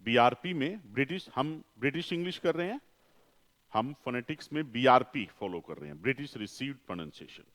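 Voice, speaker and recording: A man's voice: medium pitch, expressive, a bit bright. A male phonetics teacher, lecturing and answering his own questions with repeated key terms. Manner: slows down for emphasis. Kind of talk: classroom lecture. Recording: long reverb, echoey room.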